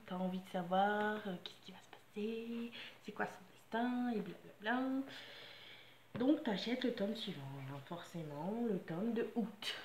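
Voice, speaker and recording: A woman's voice: on the high side, roomy sound. A woman casually reviewing books in a frank, joking way, reading out summaries and adding her own comments. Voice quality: chatty, frank and joking, reads blurbs then comments. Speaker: book vlogger. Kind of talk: casual book review chat.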